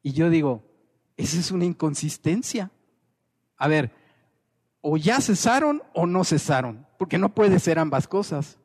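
A man's voice: a little high, sing-song, unhurried, breathy edge. A man preaching a sermon as pastor, earnest and repeating phrases for emphasis.

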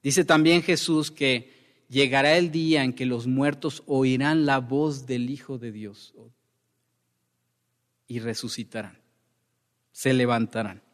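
A man preaching a verse-by-verse Bible sermon in a slow, deliberate way, often stopping to check in with his listeners. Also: medium pitch, big-room sound.

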